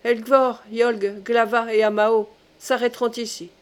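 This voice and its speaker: A woman voicing a young male prehistoric warrior who speaks in slow, solemn, simple words. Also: on the high side, level tone, close to an everyday voice.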